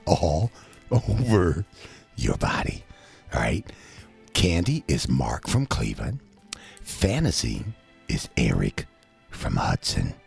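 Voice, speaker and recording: A man's voice: a bass voice, gravelly, husky. A man hosting a comic radio call-in show, boisterous and wisecracking. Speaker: radio host.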